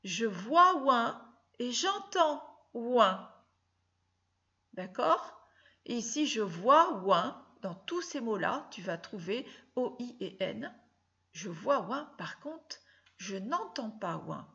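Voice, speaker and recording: A woman teaching a child to read, speaking slowly and carefully and spelling out sounds and syllables. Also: medium pitch, very animated, gravelly, fairly bright tone, lo-fi sound. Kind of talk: phonics lesson for a child.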